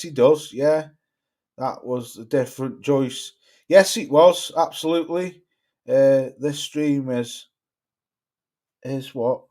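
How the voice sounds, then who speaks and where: A man's voice: mid-range voice, a little mellow. A man hosting a casual boxing livestream, reading viewer comments aloud and swearing freely as he chats. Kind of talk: casual live-chat commentary.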